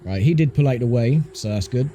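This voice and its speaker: A man's voice: mid-range voice, lively intonation, fairly quick, mellow. A man giving casual, conversational commentary while he plays a racing game, with mildly grumbling asides. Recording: faint car engine noise behind voice. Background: racing game engine sound.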